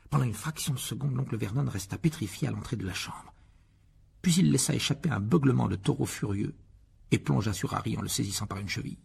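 A man narrating an audiobook in an expressive reading style. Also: mid-range voice, creaky, slightly rough. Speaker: audiobook reader.

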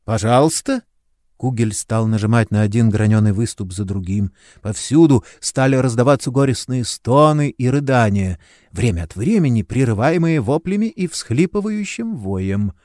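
A man reading an audiobook aloud in a steady, even voice. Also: mid-range voice, normal speed, no room sound, studio quality. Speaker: audiobook narrator. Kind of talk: scripted narration.

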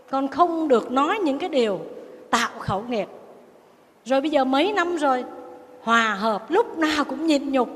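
A Buddhist nun giving a sermon, telling stories and acting out the people in them. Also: female voice, a little high, a bit bright, big-room sound. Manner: storytelling, acting out family quarrels.

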